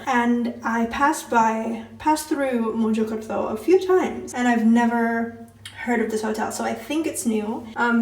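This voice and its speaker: A woman's voice: fairly high pitch, darkish tone, slightly rough, poor audio. A young woman in her twenties chatting casually on a travel vlog, giggly and self-deprecating, filmed on a handheld camera. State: out of breath. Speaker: travel vlogger. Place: outdoors on a road trip, touring sites.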